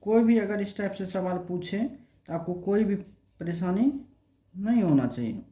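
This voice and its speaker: A man's voice: high-pitched, animated, mellow. A man teaching an exam-prep maths lesson, repeating each word as he writes it out and asking the class short check questions. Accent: Hindi. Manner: slow, repeats words while writing on a board; asks students rhetorical check questions.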